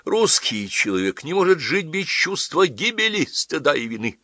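A man's voice: a little high, big pitch swings, bright, forceful tone, no room sound, studio quality, pitched above the performer's own voice. A man playing a drunk, sermonizing father. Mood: drunk, solemn. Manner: slow, pompous, sermonizing. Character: drunken, philosophizing middle-aged father.

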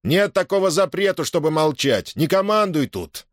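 A man doing a brash, shouting young soldier. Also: fairly high pitch, sing-song, moderate pace, no room sound, clean studio sound, voice pushed up. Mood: defiant. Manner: shouting, defiant. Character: brash young drunk male front soldier.

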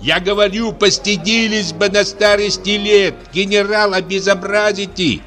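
A man voicing an indignant lower-class older mother who scolds in plain folk speech in an audiobook play. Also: big pitch swings, a little slow, a bit bright, soft background music, exaggerated voice.

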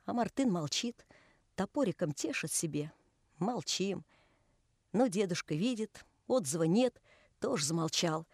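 A woman's voice: lowish voice, animated, a little slow, pauses often, darkish tone, no room sound, studio quality. A woman voicing a pious old male carpenter who scolds and tells long folksy stories. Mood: reminiscing. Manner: folksy, chiding.

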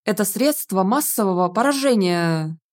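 A woman's voice: medium pitch, lively intonation, moderate pace, close to an everyday voice. A woman voicing a stern middle-aged male academy rector scolding his daughter, exasperated.

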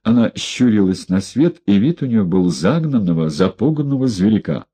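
A man narrating a story in a low, dark voice with a husky grain. His pitch moves in a lively way as he tells it. The pace is measured and steady. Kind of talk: audiobook narration.

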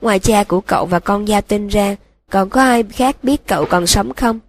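A calm old male headmaster wizard, read by a woman, asks his questions quietly and gently. The voice is husky and breathy. He sits at a middle pitch in a storybook audiobook. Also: moderate pace, close to an everyday voice. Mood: gentle. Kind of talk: audiobook reading.

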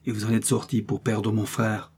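Male reader doing a grim dutiful headsman, blunt, husky. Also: on the low side, level tone, moderate pace, a little mellow.

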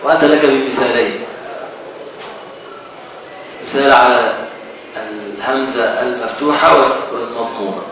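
A man with an Egyptian accent teaching a classical text as a sheikh, explaining slowly, repeating key words and questioning his students. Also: mid-range voice, dull audio. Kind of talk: Islamic scholarly lesson. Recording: echoey distant recording with noise.

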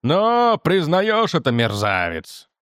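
A man voicing an angry, boastful male guard who shouts and speaks with theatrical scorn. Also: on the high side, huge pitch swings, slow pace, clear, resonant tone, no room sound, studio quality, exaggerated voice.

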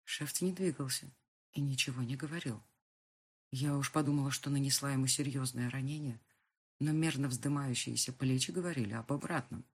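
A woman narrating a first-person audiobook with a husky voice and tense dramatic reading. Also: a bass voice, brisk.

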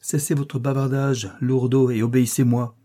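A man's voice: medium pitch, little pitch movement, moderate pace, dark tone, pitched above the performer's own voice, close to an everyday voice. A man playing an imperious young noblewoman. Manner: commanding, scornful.

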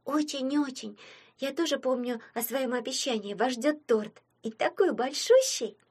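Gentle, hushed young girl hostess, woman reader. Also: sits high, lively intonation, measured pace, husky, voice pushed up, exaggerated voice.

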